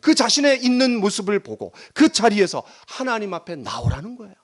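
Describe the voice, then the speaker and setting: High, lively-voiced male pastor preaching. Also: brisk. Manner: dramatic, acts out voices in quotes. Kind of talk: sermon. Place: church sanctuary.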